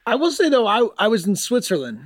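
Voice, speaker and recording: A man chatting on a podcast, adding joking asides and quick comments. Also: high voice, huge pitch swings, no echo, clean studio sound. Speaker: podcast co-host. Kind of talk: casual chat.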